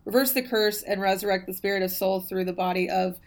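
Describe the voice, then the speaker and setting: A woman co-hosts a casual podcast about a book, speaking thoughtfully and hedging often, with many ums and you knows. Her mid-range voice moves a little fast.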